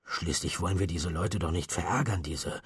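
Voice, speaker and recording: A man's voice: low-pitched, normal speed, breathy edge, no echo, studio quality. A man doing a nervous stumbling teenage boy. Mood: uneasy. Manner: hesitant, stumbling over words.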